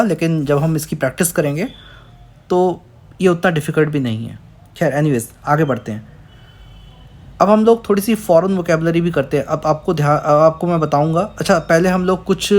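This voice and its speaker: Male language teacher, somewhat high pitch, methodical syllable-by-syllable delivery. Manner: spells words out slowly, syllable by syllable. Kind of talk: explaining Korean words in Hindi.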